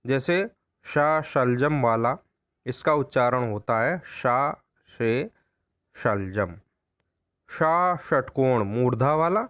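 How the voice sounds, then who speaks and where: A man teaching a recorded lesson on pronunciation, speaking deliberately and repeating points to rephrase them. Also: a little high, fairly bright tone. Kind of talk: recorded Hindi grammar lesson.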